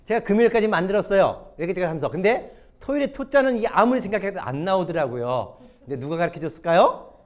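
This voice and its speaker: A male pastor giving a lively sermon lecture to an audience, often putting questions to them. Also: sits high, quick pace. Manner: animated, asks the audience questions. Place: church or hall lecture before an audience.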